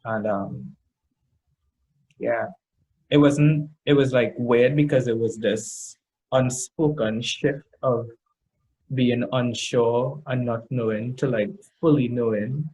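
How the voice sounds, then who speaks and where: A man with a Trinidadian accent chatting casually, a little drunk and halting as he searches for his words. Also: medium pitch, fairly even intonation, darkish tone, slight background noise, low-quality recording. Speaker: guest in a makeup challenge video. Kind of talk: casual chat.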